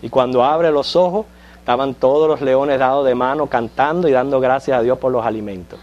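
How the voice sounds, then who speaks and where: A man's voice: medium pitch, fairly quick, a little mellow, lo-fi sound, a little hiss or hum. A man teaching a Sunday school Bible lesson in a conversational way. He checks in with the class often and tells light jokes. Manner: conversational, checks in with listeners with frequent questions.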